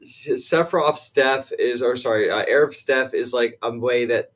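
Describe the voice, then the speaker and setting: A man's voice: medium pitch, moderate pace. A man with an ordinary, middle-range voice talks casually about a video game's plot. He hesitates often and pads his sentences with fillers while working through his theories. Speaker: guest discussing the game. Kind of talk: casual game discussion.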